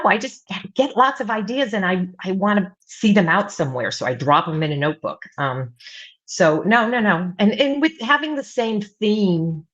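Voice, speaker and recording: The lo-fi clip features a middle-aged woman with a medium-pitched voice, a writing coach who grew up in the US, mostly Virginia Beach. As a guest in casual interview talk, she rambles, restarting often and using many fillers.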